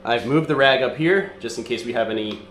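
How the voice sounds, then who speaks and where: A man with a nasal, congested voice from being sick, calmly walking through a repair step by step with frequent ums and uhs. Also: mid-range voice, a little fast, slight background noise. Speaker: mechanic demonstrating a repair. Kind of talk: casual how-to demonstration.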